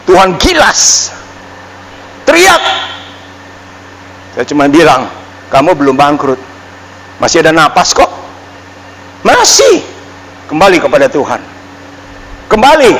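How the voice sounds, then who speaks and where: High-voiced pastor preaching in a hall. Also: male voice, a little hiss or hum. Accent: Indonesian. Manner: emphatic, swings between loud outbursts and low murmurs. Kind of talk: sermon. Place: church hall. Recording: church hall reverb, faint ambience.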